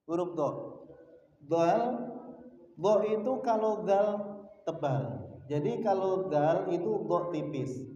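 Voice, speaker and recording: A man's voice: sits high, dark tone, slight background noise. A man with an Indonesian accent teaching Quran pronunciation to a class, patiently drilling letter sounds aloud for students to repeat. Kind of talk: mosque class lesson. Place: mosque hall. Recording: echoey mosque hall, distant dull sound.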